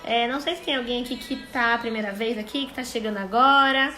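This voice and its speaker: A Brazilian psychologist in her thirties hosts a casual Instagram live stream from home, speaking Brazilian Portuguese and warmly welcoming viewers while thinking aloud. Her voice is a bit high, fast, pushed and bright, and the rough recording is reverberant with soft music behind.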